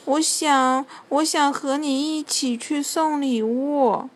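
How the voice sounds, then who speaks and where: A woman's voice: sits high, steady tone, pitched above the performer's own voice. A woman doing a sad, sniffling little wolf cub. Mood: pleading. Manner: mumbling, sniffling, slow and soft. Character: small sad lonely wolf cub, male.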